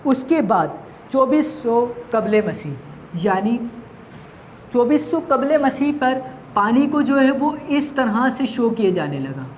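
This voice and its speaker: A woman's voice: on the high side, darkish tone. A woman teacher from Pakistan with a Pakistani Urdu accent, giving a recorded lesson to children, asking questions and answering them herself. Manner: asks questions and answers them herself, repeats key points. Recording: faint background noise.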